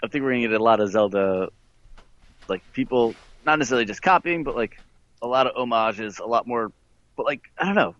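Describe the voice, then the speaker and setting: A man chats casually over an internet call line, loose and full of fillers. The sound is dull, dry and close, with the thin quality of a call connection that sometimes cuts out. His pitch sits in an ordinary middle range for a man. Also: lively intonation, a little fast, fairly bright tone, dry recording. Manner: loose, filler-heavy, says "like" a lot. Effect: heard over an internet call line that cuts out. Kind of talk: casual chat.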